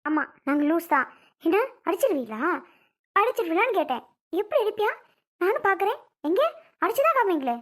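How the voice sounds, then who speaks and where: Young wife in a family skit: very high, shrill, defiant, tearful; a woman plays her. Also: big pitch swings, fairly quick, long pauses. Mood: defiant taunting.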